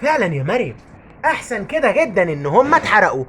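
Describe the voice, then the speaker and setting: A woman's voice: medium pitch, sing-song, fast, noisy background, close to an everyday voice. Fussing cartoon dad, as a woman voices him. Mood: worried. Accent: Egyptian Arabic. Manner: fussing, exclamatory. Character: caring, jumpy father of two girls.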